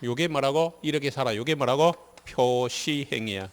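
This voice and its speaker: A man's voice: medium pitch, normal speed, big-room sound. A man with a Gyeongsang Korean accent teaching civil law in a classroom lecture, drilling students with repeated quiz questions. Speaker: civil law instructor for a real estate licensing exam.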